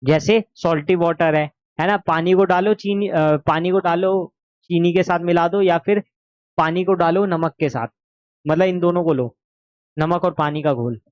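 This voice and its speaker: A man's voice: on the high side, steady tone, unhurried, darkish tone, no echo, muffled recording. Sore-throated man teaching a lesson. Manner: explains patiently, asks and answers his own questions. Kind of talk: exam revision lesson.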